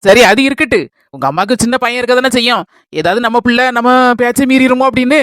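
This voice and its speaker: A woman acting a motherly village woman in a comedy skit, with a Kanyakumari Tamil accent, calmly explaining. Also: fairly high pitch, fast talker, no room sound. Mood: coaxing. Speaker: skit actress.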